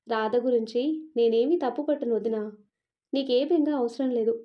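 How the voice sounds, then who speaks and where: A woman's voice: fairly high pitch, normal speed, lightly acted. A woman voicing a reassuring, kindly middle-aged aunt in a storybook reading. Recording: dull lo-fi recording.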